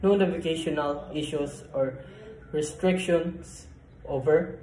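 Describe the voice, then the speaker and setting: A man's voice: a little high, slow pace, dark tone. A man playing a ship's officer making a marine radio call to port control, formal and clipped, spelling out each number. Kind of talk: scripted marine radio procedure. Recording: echoey room.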